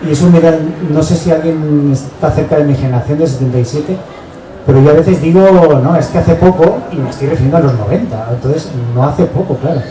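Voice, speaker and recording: A man in his forties from Barcelona with a Spanish accent from Spain, an author presenting his book in a reflective, halting way that often tags sentences with a questioning "no". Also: fairly high pitch. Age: 40s. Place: book fair hall. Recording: echoey hall, distant mic, background noise.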